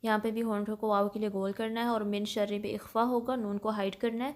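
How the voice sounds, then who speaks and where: A woman teaching Quran recitation rules, explaining each sound patiently, switching between Urdu and English and reciting examples slowly. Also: medium pitch, flat delivery. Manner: slows and recites Arabic examples louder. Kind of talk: tajweed lesson mixing Urdu and English.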